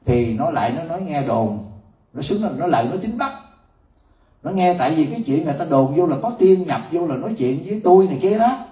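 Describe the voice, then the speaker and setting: Monk, distant in a hall. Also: male voice, a little high, fast. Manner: lively, laughing storyteller. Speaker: Buddhist monk. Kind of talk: evening sermon, storytelling. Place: temple hall. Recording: roomy hall from far off.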